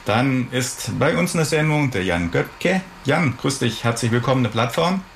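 Brief: male radio host, gravelly voice, chatty studio interviewer. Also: mid-range voice, moderate pace, a little hiss or hum. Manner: relaxed, chatty, rambling questions.

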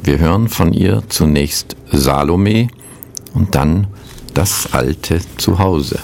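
Deep, gravelly, unhurried male radio voice. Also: a little hiss or hum. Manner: calm, measured recitation. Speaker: radio presenter. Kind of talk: radio poetry reading and presenting.

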